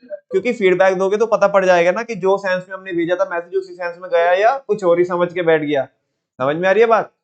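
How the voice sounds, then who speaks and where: A man teaching a class in a relaxed, conversational way, often checking that students follow. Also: high-pitched, fairly quick, lo-fi sound. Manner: conversational, with frequent rhetorical check-ins. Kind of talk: classroom lecture.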